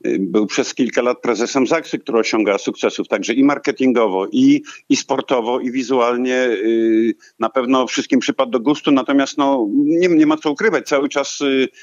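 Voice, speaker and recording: A man in an interview, answering in measured, hesitant phrases with frequent fillers and repeated words. His voice is mid-pitched. The sound is slightly dull and lo-fi, as if the high frequencies were cut off. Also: steady tone. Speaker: volleyball association delegate.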